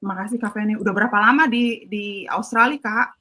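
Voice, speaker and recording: Husky woman hosting a live talk. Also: mid-range voice, a little fast, pushed and bright. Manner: friendly, mixes English phrases. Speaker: host. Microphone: video call.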